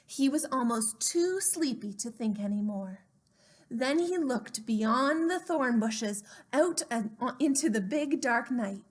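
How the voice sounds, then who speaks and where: A woman hosting story time for small children narrates slowly in a rather high voice. Her delivery is simple, expressive and aimed at the kids.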